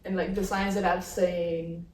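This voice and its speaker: A Colombian woman in her twenties, giggly and full of "like" fillers, co-hosts a laid-back podcast conversation. Her pitch is fairly low, her delivery flat and measured, her tone a little mellow. The distant mic in an echoey Dutch indoor room picks up a bit of hiss or hum.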